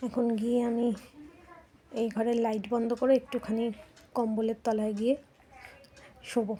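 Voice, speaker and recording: Middle-aged woman, slightly high voice, relaxed chatty home vlog, faint background hiss, phone mic. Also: normal speed. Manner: chatty, addresses viewers as friends. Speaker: vlogger. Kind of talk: casual home vlog chat. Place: home rooms.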